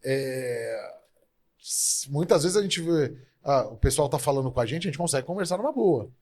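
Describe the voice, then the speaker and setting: A man's voice: medium pitch, animated, moderate pace, a little mellow. A man from Brazil hosting an interview podcast, chatty and full of self-corrections as he talks. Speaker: podcast host.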